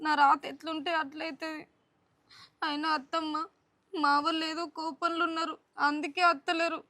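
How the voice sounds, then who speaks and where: An actress with a Telangana Telugu accent playing a young pregnant wife who pleads and weeps. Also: female voice, high-pitched, little pitch movement, moderate pace, pushed and bright. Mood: pleading. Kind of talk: village short film acting.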